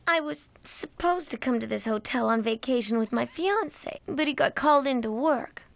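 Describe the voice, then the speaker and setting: A woman voicing a friendly, earnest young woman in an anime dub, speaking in a sweet, confiding, expressive way. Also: high voice, normal speed, creaky, dry recording. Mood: wistful. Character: young woman hotel guest, friendly, earnest, romantic-minded.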